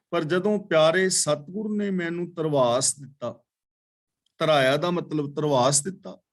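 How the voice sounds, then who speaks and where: A man teaching a daily scripture class in Punjabi, chanting verses slowly and then explaining each word. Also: a little high.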